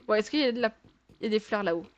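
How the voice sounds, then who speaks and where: A woman's voice: medium pitch, lively intonation, very fast, dull audio. A woman giving casual let's-play commentary in French, chatty and exclamatory, talking to her viewers with exasperated asides and sighs. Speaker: gaming video creator.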